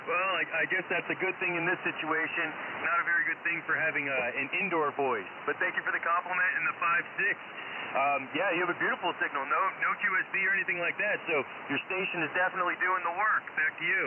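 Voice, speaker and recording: A man's voice: on the high side, fast talker. A man working as an amateur radio operator, chatting casually over a shortwave radio. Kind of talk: casual ham radio chat. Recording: hissy, narrow shortwave radio signal.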